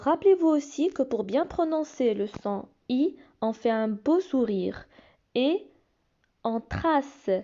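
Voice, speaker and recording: Slow, deliberate woman teaching phonics. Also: high voice, warm tone, muffled recording. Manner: slow, deliberate, repeats and stretches each sound. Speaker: reading teacher. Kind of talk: slow phonics lesson for young children.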